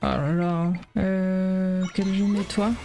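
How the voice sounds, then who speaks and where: A woman giving casual gameplay commentary as host of her let's play, chatty and quick to exclaim when things go wrong. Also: mid-range voice, gravelly, dark tone. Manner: chatty, exclaiming at the game, fillers.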